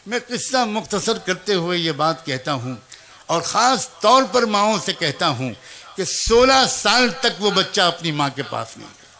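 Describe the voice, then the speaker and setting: This storytelling sermon has the man voicing the tale's child, teacher and mother as he earnestly speaks to mothers and young people about its moral. High-pitched and bright, his forceful voice shows big pitch swings and vocal fry.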